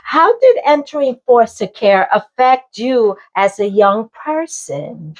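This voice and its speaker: A woman hosting an interview show, asking measured questions with frequent ums. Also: on the high side, lively intonation, rough recording. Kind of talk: hosted interview.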